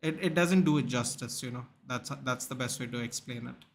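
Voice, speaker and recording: A young Goan man with an Indian English accent hosts a casual livestream, reading out viewer comments and chatting with viewers by name, constantly restarting and saying "dude" and "man." His voice is mid-range and a little fast, with a little hiss or hum in the audio.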